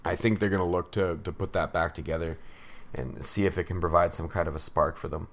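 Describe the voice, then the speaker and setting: Opinionated low-voiced man breaking down hockey. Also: fairly even intonation, fairly quick, creaky. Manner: opinionated, sarcastic, with fillers and laughs. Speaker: hockey podcast host. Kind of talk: casual hockey commentary.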